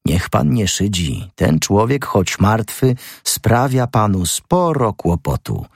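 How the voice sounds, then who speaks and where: A man reading the part of a brash young amateur detective, rising into excited, high-pitched outbursts. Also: takes it slowly, vocal fry, breathy edge, dry recording, studio quality, exaggerated voice. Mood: scornful. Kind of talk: audiobook character reading.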